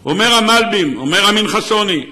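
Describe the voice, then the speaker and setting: A man's voice: high-pitched, expressive, sharp tone. A man, a rabbi, giving an impassioned sermon, sometimes crying out. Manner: impassioned preaching, crying out in places.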